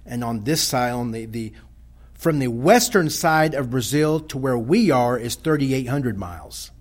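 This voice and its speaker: A man with a Texas drawl addresses a church audience about his mission work, his mid-range voice carrying lively intonation. He talks very slowly and haltingly, often restarting his sentences, in a plain, folksy tone.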